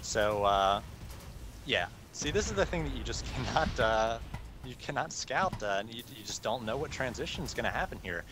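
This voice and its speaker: A man in the middle of a pitch range gives live game commentary in an easygoing, chuckling way, leaving lots of "uh"s as he thinks. Steady hiss and hum sit under his voice on a noisy home mic. He sounds like a regular co-caster talking it through. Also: moderate pace. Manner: relaxed, chuckling, thinks aloud with many fillers. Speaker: esports caster.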